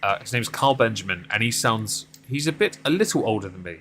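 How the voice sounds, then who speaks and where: Soft music plays behind a man of about thirty-five who speaks expressively and a little fast in a deep voice with a fairly bright tone. He's casually chatting with viewers during a driving game stream, wandering off topic and joking at his own expense.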